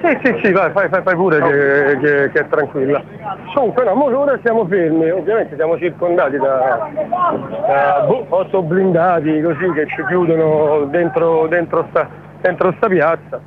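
A man reporting live by phone from a street, talking haltingly and repeating words as he goes. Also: a little high, crowd noise. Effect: heard over a phone line. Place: outdoors in a street amid a crowd. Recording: tinny phone line with street noise.

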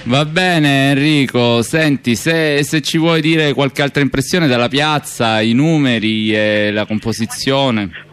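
A man interviewing for radio, asking long, winding questions full of pauses. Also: mid-range voice, fairly bright tone, clear, resonant tone.

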